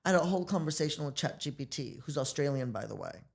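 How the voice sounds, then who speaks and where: A woman hosting a podcast, chatting casually as an animated, playful storyteller. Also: deep voice, quick pace, gravelly, slightly rough. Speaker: podcast host. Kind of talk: casual chat.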